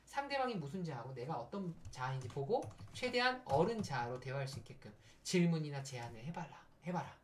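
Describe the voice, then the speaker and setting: A woman's voice: sits low, brisk, hardly any pauses, slight background noise. A middle-aged woman lecturing on conflict and communication in a recorded university class, often acting out short quarrel lines. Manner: lively, acts out quarrel lines in quotes.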